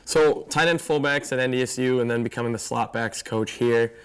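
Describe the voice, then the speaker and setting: A man's voice: mid-range voice, brisk, a bit bright, clear, resonant tone. A man who is an assistant football coach, answering interview questions earnestly with many fillers. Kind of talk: casual interview.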